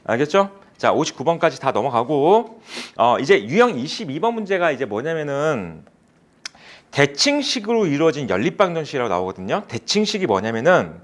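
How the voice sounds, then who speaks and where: A man's voice: a little high, big pitch swings, fairly quick. A man tutoring math in a cram school classroom, explaining problems and chatting casually with his students, teasing them. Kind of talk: classroom lecture with banter.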